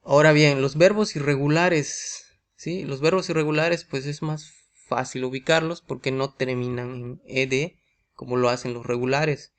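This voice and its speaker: A man's voice: mid-range voice, fairly even intonation, normal speed. A man with a Mexican Spanish accent explaining English grammar rules in a video lesson, asking himself questions and checking in with "¿sí?" all the time. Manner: asks rhetorical questions, often adds a tag "¿sí?". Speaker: English teacher.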